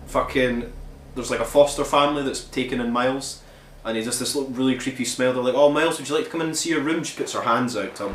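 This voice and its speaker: Brief: male host, casual sweary film reviewer, echoey room, faint hiss. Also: mid-range voice. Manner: sweary, rambling, jokey. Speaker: podcast host reviewing films.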